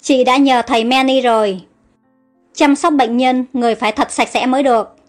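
A woman voicing a kind young noblewoman who gives gentle but brisk orders in a storybook. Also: high-pitched, fairly even intonation, soft background music, natural voice. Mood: kindly brisk.

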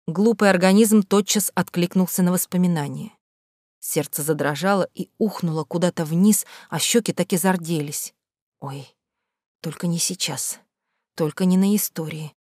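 A woman reading a first-person novel aloud with expressive, measured storytelling. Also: on the low side, dry recording, studio quality. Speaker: audiobook narrator. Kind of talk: first-person audiobook narration.

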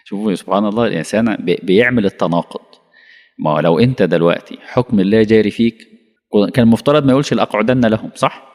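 Fast-talking Egyptian preacher in a reverberant hall. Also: male voice, fairly low pitch. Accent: Egyptian Arabic. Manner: animated, rhetorical questions, acts out dialogue. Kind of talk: colloquial religious lesson.

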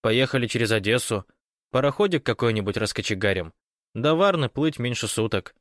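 A man's voice: medium pitch, lively intonation, brisk, no echo, studio quality, natural voice. A man doing a terse, offhand companion.

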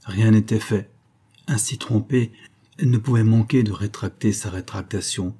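A man narrating a history book as an audiobook, in a measured, even reading. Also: lowish voice, breathy edge.

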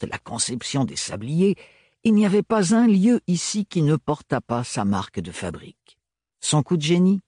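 A man's voice: fairly low pitch, darkish tone, slightly rough, no echo. Man narrating an audiobook, dry. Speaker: audiobook reader. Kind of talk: scripted narration.

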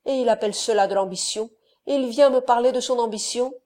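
A woman reading the part of a young wronged countess in an audiobook, with a firm, measured voice. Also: a little high, dark tone, close to an everyday voice.

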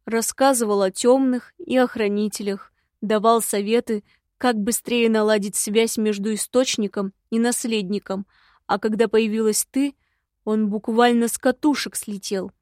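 A woman voicing a secretive, grumbling male imp in an audiobook, speaking slowly and gruffly. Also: fairly high pitch, fairly even intonation, darkish tone, dry recording, studio quality, natural voice. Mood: glum.

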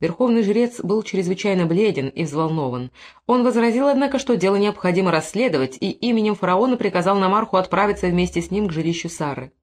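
A woman narrating an audiobook in an even, expressive reading style. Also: medium pitch, fast.

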